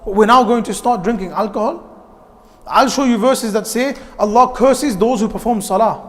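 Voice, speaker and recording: A man gives a lively, direct youth talk in a mosque, putting questions straight to his listeners. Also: high-pitched, normal speed. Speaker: youth programme speaker. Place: mosque hall. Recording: long hall reverb.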